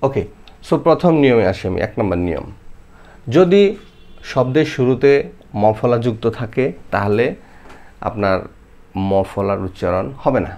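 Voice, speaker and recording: A male primary school teacher from Bangladesh, explaining Bangla spelling rules in a conversational way, repeating example words slowly and asking rhetorical questions. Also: mid-range voice, lively intonation, vocal fry, a little mellow.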